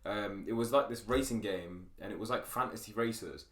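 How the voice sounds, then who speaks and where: A young man co-hosting a podcast, telling gaming stories in casual chat, lively, laughing and swearing freely. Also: fairly low pitch, brisk. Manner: animated, laughing storyteller who swears freely. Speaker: podcast co-host. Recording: roomy echo.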